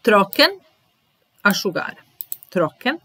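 A woman teaching a German vocabulary lesson to Italian speakers, saying each word slowly and repeating it with translations and example sentences. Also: medium pitch, big pitch swings, fairly bright tone, no echo.

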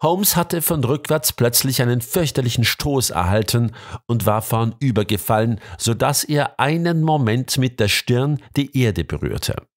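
Male narrator, dramatic audiobook reading, very animated pitch. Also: measured pace. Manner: dramatic storytelling.

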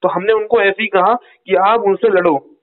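A man on a phone call, urging and advising a distressed caller in a forceful, repetitive way. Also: sits high, fairly even intonation, moderate pace. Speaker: channel host giving advice to a caller. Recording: tinny phone line.

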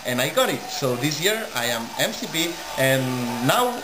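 A man in his twenties from Spain, introducing himself to the camera in an office, a little halting. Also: on the high side, very animated, roomy sound, rough recording. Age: 20s. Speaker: national organization president.

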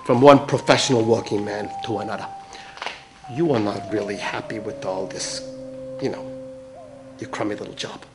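A man's voice: on the low side, steady tone, normal speed, long pauses, noisy background, close to an everyday voice. An actor playing a pushy, prying man in an audio drama, wheedling and dragging out his words. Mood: needling. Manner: wheedling, probing, drags out words. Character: pushy, needling man who slipped on a floor.

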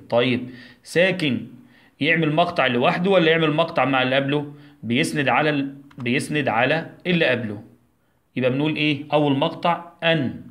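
A man with an Egyptian Arabic accent teaches a recorded lesson for small children in a medium-pitched voice. He poses questions and answers them himself. He stretches out each syllable slowly as he drills the sounds. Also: fairly bright tone. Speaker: primary school teacher.

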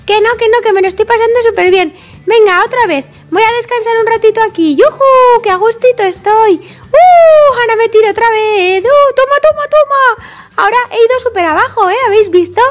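A very high, squealing little girl piglet from a toy play story, as a woman puts her on. She bursts with exclamations and breathless cries. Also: fairly quick. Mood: excited. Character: cheerful little girl piglet, playful and excitable.

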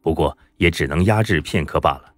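A man's voice: rumbling low, fairly quick, fairly bright tone, no room sound, faint music behind. A man narrating a fantasy web novel as an audiobook reader, in a dramatic, emphatic storytelling manner.

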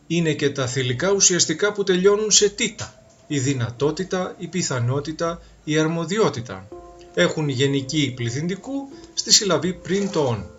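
A man teaching a grammar lesson, explaining rules clearly and deliberately and listing word forms one by one. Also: fairly high pitch, a bit bright, dull audio.

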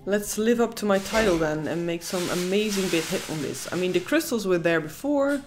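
Over a noisy background, a young woman from the Netherlands talks briskly in a low-leaning, animated voice with a Dutch accent. As co-host of a live casino stream she chats with viewers, reacts to the game, reads the chat out loud and squeals at wins.

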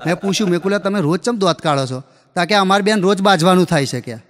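Man, live stand-up comedian, acts out dialogue, high voice, long reverb of a hall. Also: fast, a crowd in the background. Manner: folksy anecdotal delivery, acts out dialogue. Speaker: stand-up comedian telling school jokes. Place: live comedy stage before an audience.

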